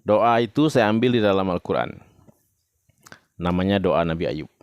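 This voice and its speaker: A man from West Sumatra gives an informal religious talk straight to camera. His voice sits very low, and the sound is close and dry with no room around it. He explains plainly and without hurry, sometimes pausing to search for a word. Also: animated, clean tone, no echo, dull audio. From West Sumatra, Indonesia. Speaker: religious video teacher.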